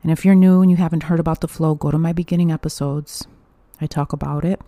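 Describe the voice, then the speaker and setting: A woman's voice: sits low, fairly even intonation, fast talker, warm tone, dry recording. Chatty, candid young woman. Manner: candid and chatty, swears freely, laughs often. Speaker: podcast host. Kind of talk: casual solo podcast monologue.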